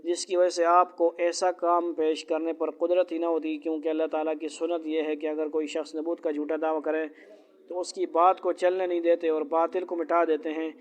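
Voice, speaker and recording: A male Quran teacher reciting verses quickly and explaining their grammar slowly to a class of students, often asking them questions. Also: a little high, completely flat delivery. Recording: dull lo-fi classroom recording.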